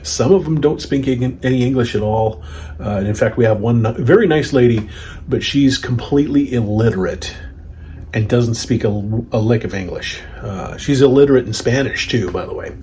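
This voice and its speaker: An American man chatting casually to a vlog in a halting, rambling, wry way. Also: medium pitch, warm tone, a little hiss or hum. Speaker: farm vlogger. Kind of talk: casual, unscripted vlog chat. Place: farm office, indoors.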